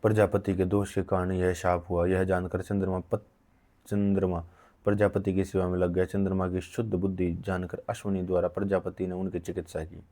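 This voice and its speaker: A man reading an old medical text aloud in a slow recitation, with frequent halts and restarts. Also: sits low, level tone, mellow. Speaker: reader of an ancient medical text.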